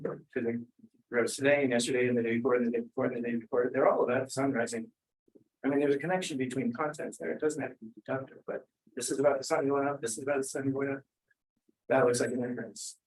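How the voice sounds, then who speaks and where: A man's voice: mid-range voice, rough recording. A man giving a philosophy talk and answering questions, thinking aloud with frequent restarts. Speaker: speaker. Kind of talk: academic talk and Q&A.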